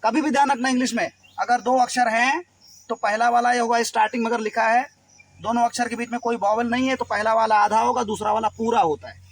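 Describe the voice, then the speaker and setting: A man's voice: extremely high pitch, steady tone, fast, rough recording. A man from Uttar Pradesh teaching English reading, patiently spelling words out letter by letter. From Uttar Pradesh, India. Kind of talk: Hindi-language phonics lesson.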